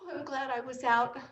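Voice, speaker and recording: A woman's voice: high-pitched, fairly bright tone, lo-fi sound, slight background noise, voice pushed up. Woman doing a fluttery, fussy wife. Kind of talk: improvised comedy scene.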